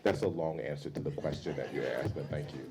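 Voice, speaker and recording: A man telling a personal story at a panel talk, animated, acting out what people said. He works as a university teacher. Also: extremely low pitch, fast talker, loud music behind the voice, rough recording. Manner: animated storyteller, acts out quotes. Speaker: panel speaker.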